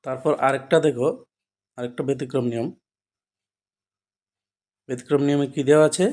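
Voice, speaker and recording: A man's voice: medium pitch, mellow. A man with a Bengali accent teaching an English grammar lesson. He repeats each rule and keeps asking questions to check that students follow. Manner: repetitive, checks understanding with frequent rhetorical questions. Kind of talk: classroom-style grammar lesson.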